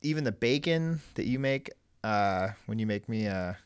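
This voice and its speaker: A man's voice: fairly low pitch, lively intonation, normal speed, smooth, no room sound. A man co-hosting a podcast, talking in a loose, rambling way with lots of fillers and restarts. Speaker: podcast co-host. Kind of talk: casual chat.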